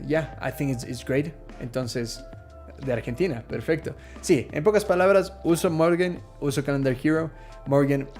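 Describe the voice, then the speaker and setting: With an everyday mid-pitched voice, a man from Ecuador chats easily through a relaxed live stream, answering viewer questions he reads aloud. His talk is peppered with ums and uhs. Quiet, gentle music can be heard behind him.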